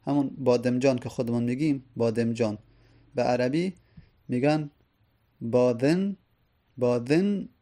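Gravelly-voiced man teaching a grammar lesson. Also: mid-range voice, dark tone. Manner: explains patiently with repeated examples.

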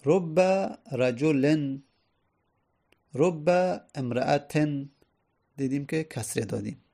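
Gravelly man teaching grammar patiently. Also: mid-range voice, mellow. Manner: patient, repeats each point step by step. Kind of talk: classroom grammar lesson.

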